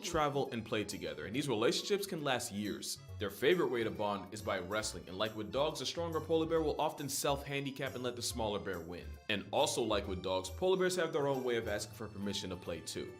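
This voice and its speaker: A man delivering comedic scripted narration in a slangy, wry, conversational manner. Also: mid-range voice. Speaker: wildlife video narrator. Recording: music behind the voice. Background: background music.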